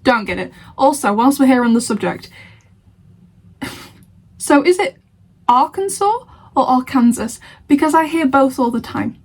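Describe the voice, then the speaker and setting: This reaction vlogger, a young woman from Lancashire with the local accent, talks casually to camera, often laughing and playfully indignant. Her high voice has lively intonation and an unhurried pace broken by long pauses.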